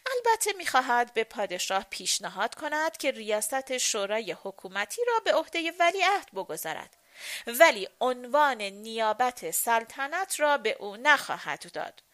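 A woman reading a novel aloud as an audiobook narrator, giving lively emphasis to the characters' dialogue. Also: on the high side.

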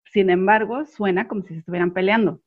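Guest: woman, expressive anecdote teller, muffled low-fidelity recording. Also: quick pace. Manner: expressive storyteller, laughs often. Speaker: guest sharing her experience. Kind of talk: casual group chat.

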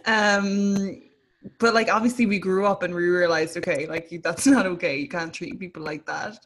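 Husky young woman host. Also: on the low side. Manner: relaxed, thoughtful, asks questions. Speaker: podcast host. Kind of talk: casual chat.

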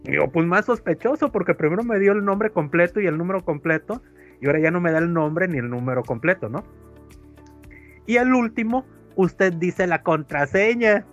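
A man's voice: sits high, moderate pace, dull audio, faint music behind. A man with a Mexican accent rambling through a story in casual chat, acting out the voices of others. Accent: Mexican Spanish. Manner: rambling storyteller, acts out quoted voices, many fillers. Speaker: podcast co-host. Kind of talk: casual chat, telling an anecdote.

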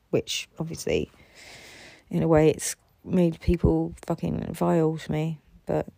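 A woman's voice: low-pitched, creaky, mellow, dry recording. A tired woman in a candid solo podcast monologue, rambling and swearing a lot, frustrated and raw.

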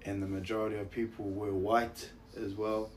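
A man's voice: fairly low pitch, flat delivery, normal speed, a little hiss or hum. A man around his thirties with a broad New Zealand accent, chatting casually as an interview guest in a laid-back, slangy, self-deprecating way. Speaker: interview guest, actor and musician. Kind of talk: casual chat, anecdotes.

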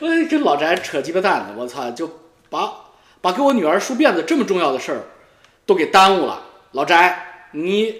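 Crude, excitable man streaming. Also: a little fast. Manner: crude, teasing, swears freely; excitable with sudden loud high outbursts. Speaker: YouTube streamer. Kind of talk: rambling comedic monologue. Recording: echoey room.

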